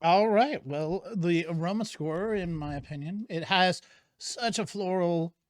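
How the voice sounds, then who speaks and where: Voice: medium pitch, measured pace, no room sound, clean studio sound. A co-host on a casual whiskey tasting show, easygoing and playful while giving scores.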